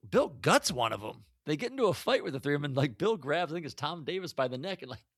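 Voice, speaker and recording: A man co-hosting a casual podcast, chatting in an animated way and laughing often. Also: fairly high pitch, fast talker, no room sound, studio quality. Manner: animated, laughs often, acts out quoted lines. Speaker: podcast co-host. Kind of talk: casual retrospective chat.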